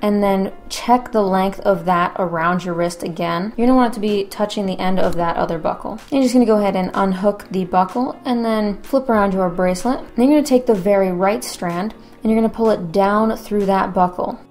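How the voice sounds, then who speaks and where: A woman's voice: mid-range voice, a little fast, few pauses, a little mellow. Casual woman hosting a craft tutorial over music. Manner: informal, conversational. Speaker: tutorial host.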